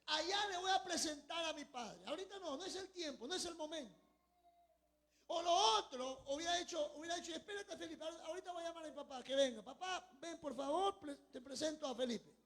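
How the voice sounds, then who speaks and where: A pastor preaching a sermon, asking the congregation to confirm and acting out quoted lines, with sudden loud bursts and drawn-out words. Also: male voice, extremely high pitch, lively intonation. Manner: acts out quoted lines in a dramatized voice; often asks the congregation to confirm.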